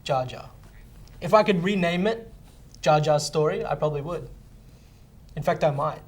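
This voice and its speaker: A man's voice: on the high side, moderate pace, lightly acted. A man playing a pompous, self-important film director who hesitates his way through boasts as a guest on a parody talk show. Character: smug, self-important male film director, deluded about his genius.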